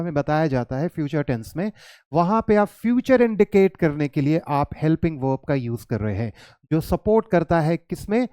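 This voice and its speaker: An English teacher gives a classroom grammar lesson, mixing Hindi and English, reading English sentences slowly and asking and answering his own questions. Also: on the high side, a little mellow, clear, resonant tone, no echo, studio quality. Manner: mixes Hindi and English, reads English lines slowly; addresses students as children, asks and answers his own questions.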